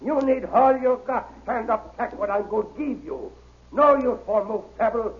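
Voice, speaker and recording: A man's voice: extremely high pitch, expressive, moderate pace. An actor playing a boastful, bullying strongman in a 1930s radio drama, speaking broken English. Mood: taunting. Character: brutish boastful French Canadian strongman. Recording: gravelly lo-fi old radio recording.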